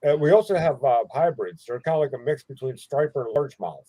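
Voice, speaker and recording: Man, mellow relaxed tone, dry sound, mid pitch, casual chat. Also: fast, no room sound, low-quality recording. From southwestern Pennsylvania. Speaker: participant in a live group chat.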